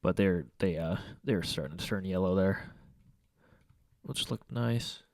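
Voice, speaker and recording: Sitting by a window in a small room at home, a young man who vlogs about photography chats casually about his shots, hesitant and rambling, full of fillers and false starts. He sounds congested, yet his low voice comes across smooth and clear, and he speaks a little slowly. The audio is dry and close-miked, with no sense of the room.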